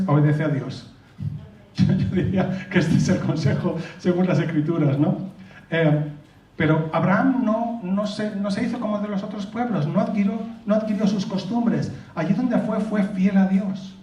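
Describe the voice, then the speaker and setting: Spanish pastor, earnest sermon, mellow mid-high voice, distant mic in a reverberant church hall. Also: male voice. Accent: Peninsular Spanish. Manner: earnest and explanatory, asks the congregation if they follow. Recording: roomy, distant, dull lo-fi church recording.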